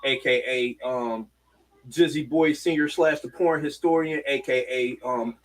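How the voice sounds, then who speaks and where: A man's voice: medium pitch, steady tone, measured pace, rough recording. A man co-hosting a casual podcast, playful, rattling off joking nicknames for his friends. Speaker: podcast co-host. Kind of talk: casual chat. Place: basement.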